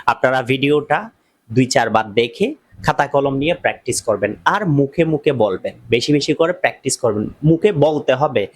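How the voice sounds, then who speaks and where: A man giving an English lesson to workers abroad. He says each English phrase very slowly and deliberately, then speeds up a little to explain. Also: mid-range voice, animated, husky. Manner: very slow and deliberate on the English phrases, chattier and faster in between. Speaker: English teacher. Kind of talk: slow spoken English lesson.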